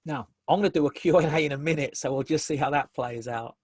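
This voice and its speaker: A man's voice: fairly high pitch, quick pace, breathy edge, dry recording. A man giving a conversational business webinar presentation over a video call, repeating key phrases for emphasis.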